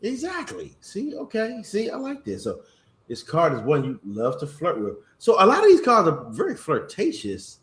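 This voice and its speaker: A man hosting a casual chat, animated and playful, reading greeting-card lines aloud, with a slight cough. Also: high voice, moderate pace, reverberant. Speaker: podcast host.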